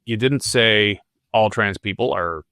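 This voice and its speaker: A man's voice: on the low side, unhurried, bright, forceful tone, dry recording, clean studio sound. A man conducting a news interview, hesitant, with many fillers and restarts.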